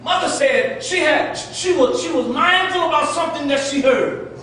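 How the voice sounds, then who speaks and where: A pastor preaching a fervent sermon, repeating his phrases and rising to shouts. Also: very high-pitched, normal speed, far from the mic. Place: church sanctuary. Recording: very echoey church, voice from afar, faint noise.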